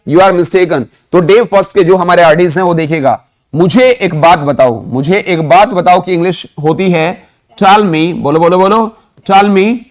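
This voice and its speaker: High-voiced teacher drilling phrases. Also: male voice. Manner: drills phrases, asks the class questions and answers himself. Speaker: spoken English teacher. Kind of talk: classroom lesson.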